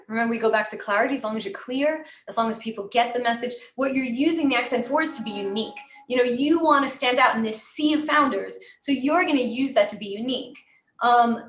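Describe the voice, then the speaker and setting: A woman's voice: fairly high pitch, fairly bright tone, echoey room, a little hiss or hum. An American woman coaching a live online class, encouraging and chatty, full of "you know" fillers. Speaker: voice and presentation coach.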